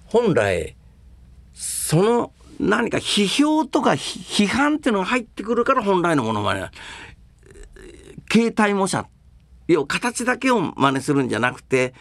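Gravelly older man, rambling and opinionated. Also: fairly high pitch, no room sound. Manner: rambling, opinionated, rough colloquial speech. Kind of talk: casual monologue on comedy and performing arts.

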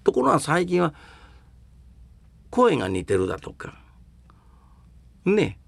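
An older man talking casually and at length about comedy and performing arts, rambling and opinionated, with rough colloquial speech. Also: fairly high pitch, wildly swooping pitch, slow, dry recording.

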